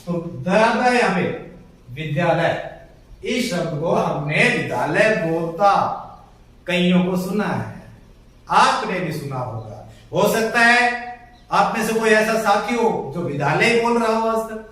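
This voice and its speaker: A male Hindi grammar teacher giving a blackboard lesson, explaining slowly, spelling out syllables one by one and calling his viewers friends. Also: high-pitched, lively intonation, a bit bright. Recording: very echoey room, far from the mic.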